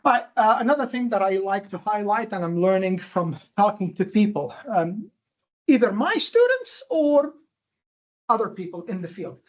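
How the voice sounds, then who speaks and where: A man from Jordan with a Jordanian accent giving a classroom lecture, animated and emphatic, firing questions at his students. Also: high-pitched, moderate pace, lo-fi sound. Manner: animated, emphatic, quizzing the audience with rhetorical questions. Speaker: university lecturer.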